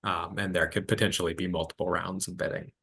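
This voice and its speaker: A man runs a tabletop game session as game master, his voice low-pitched with a bright, forward tone. He narrates in a halting way, with frequent restarts and fillers. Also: level tone, creaky, slightly rough.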